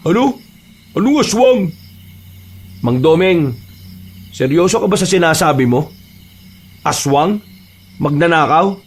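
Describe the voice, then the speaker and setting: A man's voice: a little high, a little slow, long pauses, a little hiss or hum. A man voicing a hot-tempered young brother who angrily accuses an old man of lying in a horror audio drama. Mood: angry. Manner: angry, shouting accusations. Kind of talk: Tagalog horror radio-drama acting.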